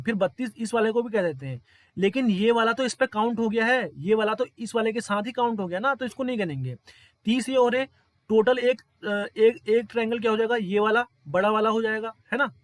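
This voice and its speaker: A man's voice: high voice, no echo. A man teaching exam figure-counting problems step by step, counting aloud and often quizzing his listeners.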